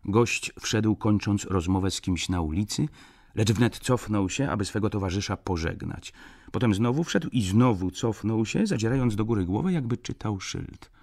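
A man narrating a classic novel as an audiobook in an expressive, animated reading. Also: fairly low pitch, moderate pace. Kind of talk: scripted literary narration.

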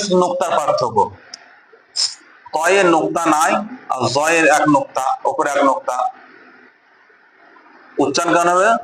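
A man's voice: a little high, roomy sound, poor audio. A man teaching beginners the Arabic letters in a class, patiently repeating each letter and drawing out the sounds. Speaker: Quran reading teacher. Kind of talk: beginner Arabic alphabet lesson.

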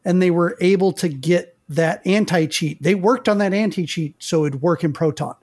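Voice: mid-range voice, moderate pace, a little mellow. A podcast co-host with a mid-range voice, chatting casually about tech. They cut in to correct points and lay out the technical details.

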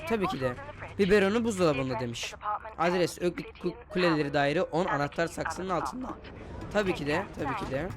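A man's voice: on the high side, lively intonation, brisk, crowd noise. A young man doing jokey horror game commentary, swearing casually and talking to the game baby and his viewers. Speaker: gaming YouTuber. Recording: music playing underneath.

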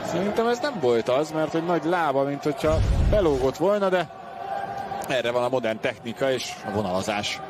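A man's voice: fairly high pitch, lively intonation. A man doing live commentary on a football match. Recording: loud stadium noise behind voice.

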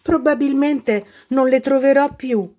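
A woman's voice: expressive, slow pace, dark tone, slightly rough. A woman voicing a little girl in a storybook who has stopped listening, crying out in distress. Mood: fretful. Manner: high, cries out in distress.

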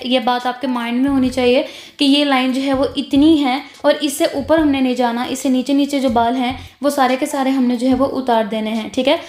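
In a roomy-sounding voice-over, a high-voiced woman from Pakistan teaches eyebrow threading as a beautician. Her tone is instructive, she repeatedly says "jo hai," and she blends English words into her speech.

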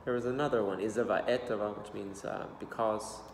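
A native English speaker in his thirties with an American accent sits at his desk in a small indoor room, reading phrases aloud for a self-study language vlog and repeating words slowly and haltingly. His fairly low, steady voice has a creaky edge. The laptop webcam picks up slight background noise and a roomy echo with long reverb.

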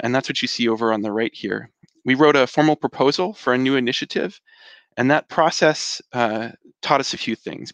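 A man's voice: mid-range voice, fairly bright tone, no room sound, lo-fi sound. A man presenting a project roadmap in an online conference keynote, explaining steadily with frequent fillers. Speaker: initiative lead presenter. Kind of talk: conference keynote over video call.

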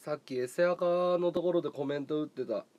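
A man hosting a livestream, chatting casually with viewers in a relaxed way, often chuckling and thinking aloud. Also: a little high, quick pace, muffled recording. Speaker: livestream host.

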